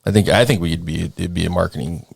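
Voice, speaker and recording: A man's voice: low voice, fast talker, creaky, husky, no room sound. A man hosting a podcast in a casual, rambling, easygoing chat full of fillers. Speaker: podcast host.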